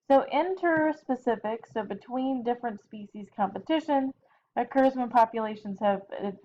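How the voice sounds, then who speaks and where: A woman's voice: fairly high pitch, warm tone. A tired woman biology teacher giving a chatty recorded lecture from home, correcting herself and adding casual asides. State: tired, yawning. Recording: dull lo-fi home recording with faint noise.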